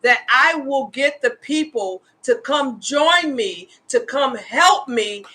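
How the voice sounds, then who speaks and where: A homeless women's advocate in her fifties hosts an informal live stream, her delivery earnest and full of passionate conviction. Her high-sitting voice is slow and sharp, with lively intonation.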